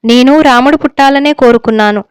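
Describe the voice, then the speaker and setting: Worried older mom begging her husband, read by a woman, high clear voice. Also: fairly quick, no room sound, lightly acted. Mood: pleading. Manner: pleading, tearful. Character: anxious pleading older mother and wife. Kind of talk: story reading.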